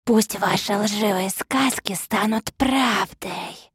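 A woman's voice: mid-range voice, takes it slowly, husky, no echo. Woman doing a creepy snake-man kidnapper, hissy sinister whispers, dry close sound, storybook villain. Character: menacing male kidnapper, a serpent monster in disguise.

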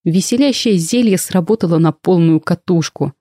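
A woman reading a first-person audiobook aloud, lively and voicing every character herself. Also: lowish voice, moderate pace, no room sound, clean studio sound. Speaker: audiobook narrator.

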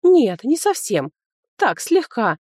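A woman reading an audiobook, voicing a chattering young female servant who gossips in excited exclamations. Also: fairly high pitch, takes it slowly, husky, dry recording, studio quality, voice pushed up, full character voice.

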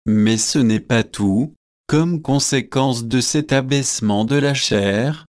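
A solemn young clergyman who holds forth at an unhurried pace, read by a man. He sounds pompous and pleased with himself. The sound is dry and close. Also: medium pitch, a little mellow, no room sound, lightly acted. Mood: earnest. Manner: grave, self-satisfied delivery. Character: earnest young male curate, pompous.

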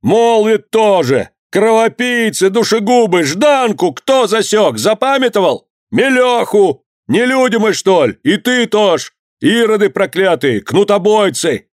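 A man voicing an angry crowd of townsmen, shouting their accusations. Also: big pitch swings, a little slow, no room sound, studio quality. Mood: furious. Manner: shouting, raised high.

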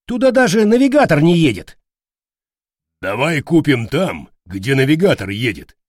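A man voicing a bossy, quick-tempered male red cap goblin leader who barks orders. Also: on the high side, big pitch swings, dry recording, studio quality, pitched above the performer's own voice. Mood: angry. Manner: barking, commanding.

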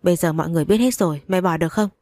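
A woman's voice: fairly low pitch, racing, warm tone, dry recording, lightly acted. A woman voicing a cold-blooded, arrogant young rich man who speaks with contempt. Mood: contemptuous. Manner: contemptuous, curt.

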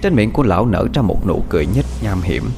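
A man narrates a spoken horror story in a dramatic storytelling manner. His voice sits low but moves widely in pitch, with faint music underneath. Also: expressive, quick pace, gravelly.

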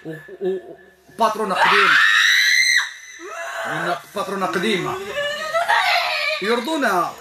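A man with a Moroccan accent leading a ruqya exorcism session, questioning and commanding a spirit in a forceful, interrogating manner. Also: sits high, normal speed, pauses often, echoey room, heavy background noise. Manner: commanding, interrogating, with Quran recitation. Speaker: ruqya healer.

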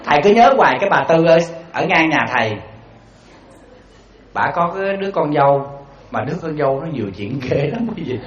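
A man's voice: on the high side, fairly quick, slight background noise. A man giving a storytelling dharma talk as a Buddhist monk, putting rhetorical questions to his audience. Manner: animated, acts out quoted voices. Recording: roomy, slightly dull hall recording.

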